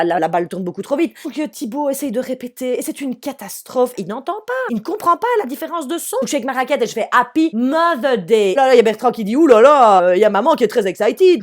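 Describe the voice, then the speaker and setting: Chatty exasperated comic mom. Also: female voice, medium pitch. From Belgium. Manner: chatty, exasperated, animated storytelling. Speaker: comedian. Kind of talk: comic monologue to an unseen therapist.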